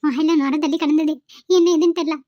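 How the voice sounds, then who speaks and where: A woman's voice: high-pitched, flat delivery, a little fast, mellow, no echo, close to an everyday voice. A woman voicing an anxious young female carer who speaks urgently in a cartoon. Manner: urgent and pleading. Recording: dull, dry home recording.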